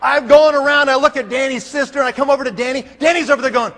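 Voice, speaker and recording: A man telling a comic story to a live audience, animated and laughing as he acts out scenes. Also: very high voice, fast. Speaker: speaker. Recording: long hall reverb, faint room noise.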